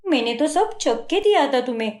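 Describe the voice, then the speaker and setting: Woman doing a young cartoon wife, high lively voice, pleading, defensive. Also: a little fast, echoey room. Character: patient young wife, hardworking and hurt.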